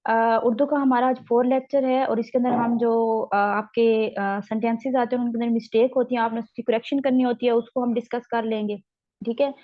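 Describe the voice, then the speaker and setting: A high-voiced woman from Pakistan teaches a recorded exam-prep lecture. She explains each point slowly and keeps checking that her students follow. The sound is dull and lo-fi. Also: level tone.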